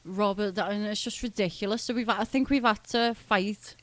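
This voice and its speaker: A woman with a Liverpool accent, a guest comedian telling stories in a casual studio interview, outspoken and animated. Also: medium pitch, normal speed. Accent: Liverpool (Scouse). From Liverpool, England.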